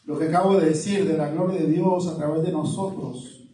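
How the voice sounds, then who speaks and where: A man's voice: a little high, fairly even intonation, brisk, mellow, slight background noise. A male pastor, preaching a sermon, reading scripture and putting questions to his congregation. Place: church hall. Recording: echoey hall, far from the mic. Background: congregation responding.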